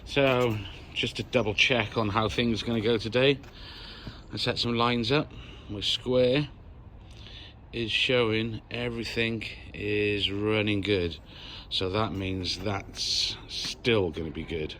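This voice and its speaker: A man's voice: lowish voice, fairly even intonation, takes it slowly, a bit bright, slight background noise. A man chatting casually to the camera as he lays a patio outdoors. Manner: chatty, jokey, talks to camera while working. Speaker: patio installer filming his work. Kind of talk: casual work vlog.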